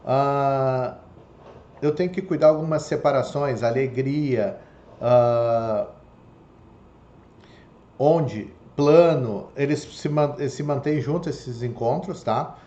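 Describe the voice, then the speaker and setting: A man delivers an online Portuguese lesson slowly and with long pauses, explaining each step and repeating "tá?" and "ok?" to check comprehension. His mid-range voice is warm, the highs are cut off, and the echoey room carries faint background noise.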